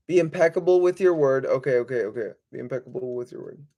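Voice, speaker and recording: A man's voice: mid-range voice, quick pace, mellow, lo-fi sound. A man coaching in a casual, rambling, slangy livestream style. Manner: slangy, profane, informal. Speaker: spiritual coach and host.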